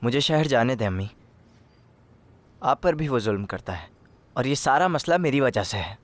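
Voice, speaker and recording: A man's voice: medium pitch, expressive, moderate pace, natural voice. A man dubbing a resolute young son. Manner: earnest, resolute. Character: determined young man leaving home. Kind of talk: Urdu film dubbing.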